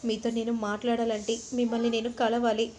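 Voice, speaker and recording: A woman's voice: on the high side, little pitch movement, a little fast, a little mellow, lightly acted. A woman voicing a hurt young woman who pleads politely. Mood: pleading.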